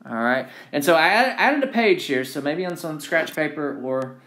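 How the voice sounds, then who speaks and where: A man with a fairly high, expressive, slightly bright voice speaks at normal speed. As an engineering instructor, he gives a casual lecture from handwritten notes, repeating key phrases and regularly asking "right?".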